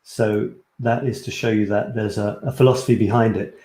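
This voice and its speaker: On a live stream, this Scottish photography coach presents his course with a fairly low, dark voice at normal speed, his intonation fairly even and the audio reverberant. His delivery is enthusiastic and talkative, full of mid-sentence self-corrections.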